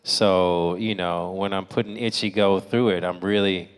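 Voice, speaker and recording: A male voice actor answering fan questions on a convention panel, animated and playful. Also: low-pitched, measured pace, clear, resonant tone. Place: large convention hall. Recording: echoey convention hall.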